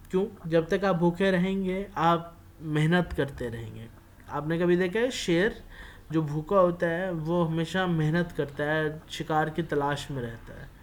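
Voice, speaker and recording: Pakistani man lecturing with halting fillers. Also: fairly high pitch. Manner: mixes Urdu with English phrases, many filler pauses. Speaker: university lecturer. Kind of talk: classroom lecture.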